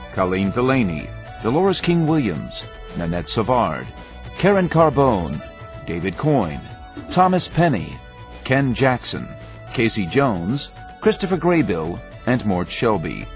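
Low-voiced guy announcing like a film trailer, grave, lots of swing in pitch, music behind. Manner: portentous, grave. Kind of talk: dramatic scripted trailer narration.

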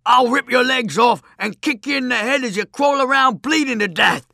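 A man voicing a huge, mad male demon who shouts threats and mocks with a buzzing voice. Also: very high voice, moderate pace, vocal fry, no room sound, studio quality, voice pushed up, heavily acted. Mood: menacing, mocking. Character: huge raging male demon, mocking and menacing.

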